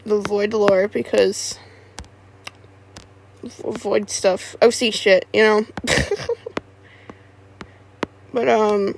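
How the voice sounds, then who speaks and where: A woman streamer in casual livestream chat, rambling and halting with many restarts. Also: mid-range voice, fairly even intonation, gravelly, slight background noise.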